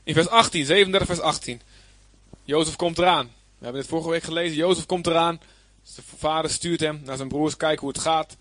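A man teaching from the Bible, slightly higher pitched than most men, reading passages and then unpacking them with emphatic, searching delivery. The sound is dry and close, with little room around it. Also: brisk, a bit bright, no room sound. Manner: reads scripture aloud, then explains it plainly. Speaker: preacher.

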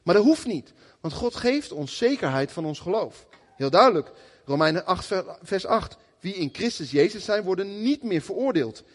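Lively male preacher in a reverberant hall. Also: high voice, normal speed. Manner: lively, conversational, acts out quotes. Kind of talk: sermon.

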